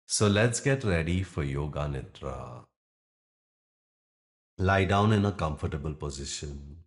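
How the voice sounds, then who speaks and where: A deep-voiced man, a yoga nidra teacher, guides a meditation with gentle instructions in short phrases. He speaks very slowly, leaving long pauses between words, and his intonation is lively.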